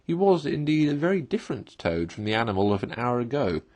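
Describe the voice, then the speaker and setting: A man narrates a classic story aloud with expressive storytelling flair, his voice at medium pitch and moving at a quick pace.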